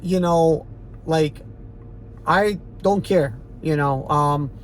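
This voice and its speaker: Drawing out his words at a medium pitch, a former Soviet citizen from Ukraine who drives rideshare addresses his channel audience. His Eastern European-accented monologue is casual, defiant, and emphatic, wandering along with plenty of fillers. A little hiss or hum sits under the audio.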